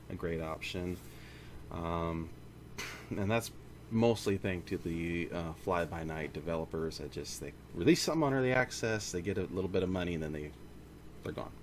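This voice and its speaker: An indie game studio founder gives his casual monthly studio update to camera or mic, rambling informally and often correcting himself mid-sentence. His voice is low, with a little hiss or hum in the recording.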